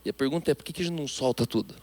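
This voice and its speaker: A male pastor with a Brazilian Portuguese accent preaches an emphatic sermon, talking very fast at a medium pitch. He swings between loud declarations and hushed asides.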